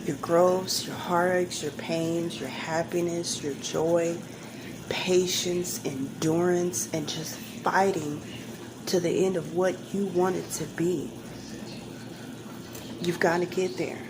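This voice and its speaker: A woman's voice: on the low side, fairly even intonation, takes it slowly. A woman talking casually and earnestly to viewers, giving motivational advice with emphatic, repeated phrasing. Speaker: home cook and hairstylist giving motivational advice. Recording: clearly noisy room ambience.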